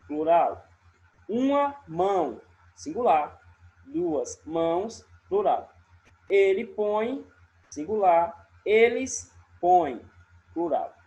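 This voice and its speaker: A man with a Sergipe Brazilian accent teaching a recorded remote lesson, explaining step by step and often checking in with a quick question. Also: sits high, darkish tone.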